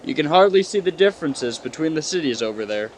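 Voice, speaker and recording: A man's voice: a little high, lively intonation, fast, slight background noise, natural voice, low-quality recording. A man playing a proud, ambitious young businessman and suitor in a radio play, formal and self-assured. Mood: content. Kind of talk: live-audience radio play acting.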